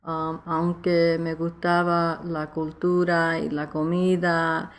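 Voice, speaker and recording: A Nuyorican woman from New York speaks in a slow, halting way with a New York Puerto Rican accent, her low voice completely flat. She's an author being interviewed, reflecting on her life in casual Spanglish, fumbling through Spanish as she searches for words and slips into English.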